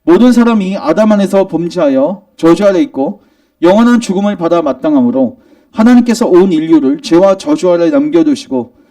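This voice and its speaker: A male pastor preaches a sermon in a church sanctuary, his high, expressive voice brisk and warm though the mic sits far off. He questions the congregation and then answers himself, driving his points home with emphasis as his argument rises.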